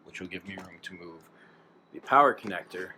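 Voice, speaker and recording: Working on an electronics project by hand, a hobbyist narrates casually and thinks out loud. He speaks a little fast in a low-pitched voice with a sharp tone, and the recording carries clear workshop noise.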